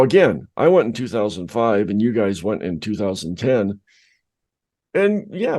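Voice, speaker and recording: A man's voice: on the low side, a little mellow. A middle-aged man co-hosting a podcast, telling a rambling, self-deprecating story in casual chat. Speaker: podcast co-host.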